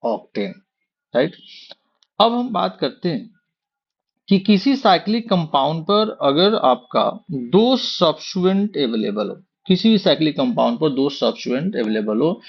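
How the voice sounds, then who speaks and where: A man's voice: a little high, creaky, highs cut off. A man teaching a chemistry lesson, who asks questions and then answers them himself, counting positions aloud and mixing English terms into his talk. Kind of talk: whiteboard lecture.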